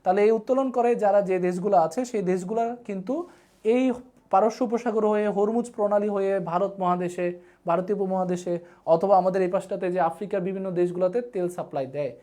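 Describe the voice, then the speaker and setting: This online tutor is a woman teaching a live geography lesson online, often checking that her students understand and offering playful memory tricks. Her mid-range voice is warm and steady, and she speaks fast.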